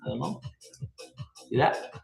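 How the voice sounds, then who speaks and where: A man hosting a casual live stream from a room at home on a webcam, rambling with chuckles and many fillers. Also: a little slow. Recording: echoey room with faint music. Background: faint music.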